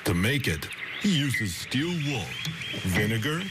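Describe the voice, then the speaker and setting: A man's voice: fairly low pitch, very animated, measured pace, very noisy. A man reading scripted narration in the manner of a nature documentary, with a mock-serious, dramatic storytelling delivery. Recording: music under the voice.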